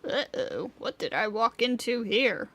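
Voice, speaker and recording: A woman streams a game with casual live commentary, thinking out loud to herself as she plays, while faint game music runs underneath. Her voice is slightly high and a bit bright, animated yet unhurried.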